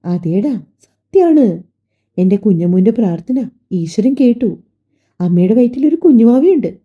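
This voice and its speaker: A woman voicing a young wife who works as a nurse, speaking softly and tenderly in an audiobook drama. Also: on the high side, animated, a little slow. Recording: dull lo-fi recording.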